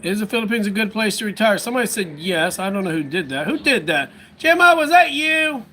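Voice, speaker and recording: A man's voice: high-pitched, sing-song, fairly quick, bright, forceful tone. An American man hosting a casual livestream, rambling and musing aloud to his viewers from home. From United States. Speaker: livestream host.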